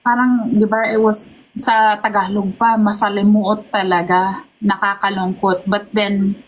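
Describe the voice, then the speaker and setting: A woman's voice: medium pitch, flat delivery, a little slow, low-quality recording. A woman interviewing a guest, responding and mixing English with Tagalog. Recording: faint background noise.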